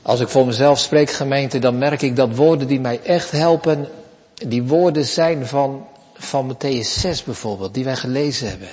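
A man preaching a sermon in a church, slow and emphatic, raising his voice for scripture quotations. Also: mid-range voice, a little mellow. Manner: slow, emphatic preaching with rising outbursts on quotes. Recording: reverberant church hall.

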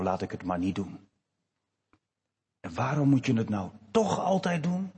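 Husky slow-preaching pastor in a reverberant church. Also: male voice, fairly low pitch. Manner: slow, emphatic, with expressive rises. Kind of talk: sermon.

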